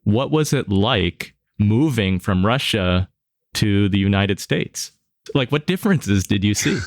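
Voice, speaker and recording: A man's voice: lowish voice, lively intonation, measured pace, dry recording, clean studio sound. A man hosting a podcast interview, introducing the guest and asking questions in an upbeat, enthusiastic way. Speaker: podcast host.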